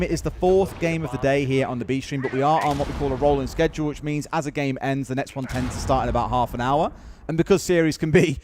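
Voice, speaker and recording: A British man calls a live esports match at a rapid clip. His voice sits a little high, and he keeps the talk chatty and joking as he answers viewers between plays. Faint noise sits behind him. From United Kingdom. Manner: chatty and quick, jokes and answers chat. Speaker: esports caster.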